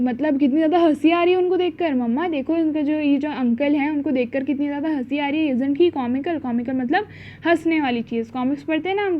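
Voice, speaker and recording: A woman teacher explaining a school story chapter, mixing languages, acting out the quotes and reading English lines slowly. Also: high voice, a little hiss or hum. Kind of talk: storybook lesson in Hindi and English. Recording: dull lo-fi sound.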